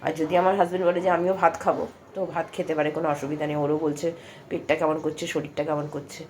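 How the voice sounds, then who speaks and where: A woman's voice: low voice, steady tone, racing, a little mellow, slight background noise. A woman in her thirties with a cold, chatting in a rambling, homely way as she vlogs her day at home. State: coughing, with a cold. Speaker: vlogger. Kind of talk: casual daily vlog narration.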